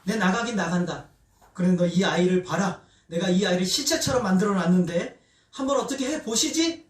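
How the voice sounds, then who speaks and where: A man's voice: sits high, a little fast, natural voice. A pastor voicing a defiant, taunting male demon within his sermon, mocking and scornful. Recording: roomy church hall, voice from a distance.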